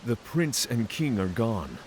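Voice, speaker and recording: A man plays a calm, candid dragon, a courteous giant keeping mortal company, using formal phrasing in a fantasy audio drama. His mid-range voice is sing-song, slow and slightly mellow, and the rough recording carries clear background hiss.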